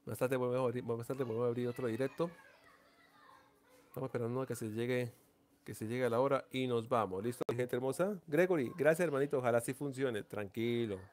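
A man's voice: mid-range voice, fairly even intonation, quick pace, a little mellow. A man hosting a long casual live stream, talking to viewers in an affectionate, repetitive, coaxing way. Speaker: livestream host. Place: seated indoors.

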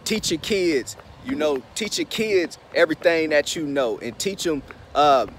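Holding his phone at arm's length, this Indiana man in his thirties, a vlogger and business mentor, delivers a cheerful, preachy motivational talk in a casual vlog style, first outside near schools and then in a pickup truck. His voice is fairly high and fairly bright, with lively intonation at a measured pace. Slight background noise is audible.

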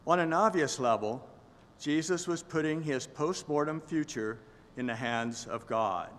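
An older man giving a measured sermon reflection at a lectern in a large church sanctuary. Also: a little high, fairly bright tone. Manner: measured, deliberate reading. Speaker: minister. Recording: long church reverb.

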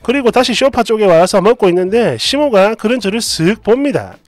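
A woman's voice: mid-range voice, big pitch swings, a little fast, no echo. A woman narrating a reader's story aloud in a chatty, exasperated way.

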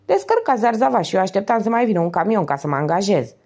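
A woman reading aloud and voicing a loud, cheeky male vagrant who talks with easy familiarity. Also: mid-range voice, sing-song.

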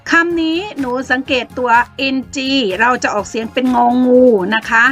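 A woman teaching English to children with a Thai accent, slowly sounding out words syllable by syllable in an encouraging way. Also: sits high, soft background music.

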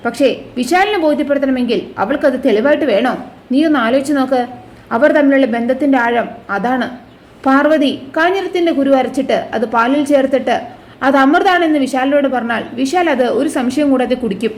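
A woman's voice: high voice, a little fast, a little mellow, lightly acted. A woman voicing a ruthless, scheming middle-aged villainess who plots murders, speaking coldly and menacingly. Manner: cold, menacing, plotting.

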